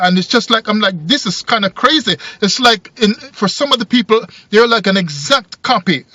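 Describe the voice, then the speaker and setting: This man, in his forties and raised in Jamaica, talks casually to camera from inside a parked car, rambling and repeating himself as a video commentator. His high voice sounds pushed and bright. Captured by a dashboard phone or camera, the in-car audio is dull and lo-fi, with no room sound.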